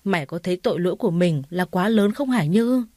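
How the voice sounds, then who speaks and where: Woman reading bitter tearful sister-in-law, cold scolding, mellow voice, dry sound. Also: lowish voice, expressive, fairly quick, no echo.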